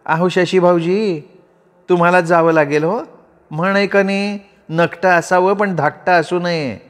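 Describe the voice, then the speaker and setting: A man's voice: high voice, fairly even intonation, a little slow, pitched above the performer's own voice. A playful young sister-in-law, put on by a male storyteller in a raised, light voice with a teasing lilt. The voice sits in a reverberant room. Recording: roomy reverb.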